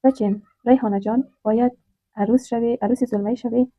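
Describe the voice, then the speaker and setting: A woman voicing a sorrowful, resigned father speaking gently to his daughter in a storybook tale. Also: a little high, fairly even intonation, husky, no echo. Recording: dry, tinny phone-like sound.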